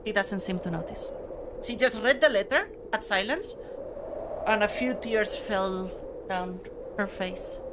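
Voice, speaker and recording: A woman game master narrating a tabletop game in a relaxed way, with chatty fillers. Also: medium pitch, measured pace, heavy background noise.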